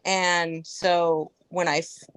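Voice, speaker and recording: A middle-aged woman from the upper Midwest, a podcast guest, telling her story in a casual, animated way and acting out what others said. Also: lowish voice, slow pace, clean tone, dry recording, poor audio. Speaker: podcast guest, melanoma survivor.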